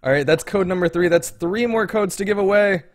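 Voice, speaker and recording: A man's voice: sits high, a little fast. A man hosting a livestream giveaway, chatty and upbeat, laughing often. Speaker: stream host. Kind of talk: casual livestream chat, giving away codes.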